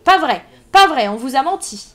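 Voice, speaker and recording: A woman's voice: mid-range voice, animated, normal speed, natural voice. A woman reading aloud voices a frightened male servant accused of murder, protesting and stammering his denials over faint music. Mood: panicky. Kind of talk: live audiobook reading.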